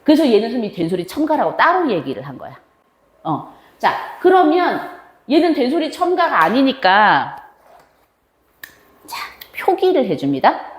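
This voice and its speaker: A woman teacher explaining grammar to her class, her pitch rising and falling a great deal as she quizzes the students and answers her own questions. The sound is roomy, with a clear echo around her voice. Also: wildly swooping pitch, normal speed, pauses often. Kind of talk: classroom lecture.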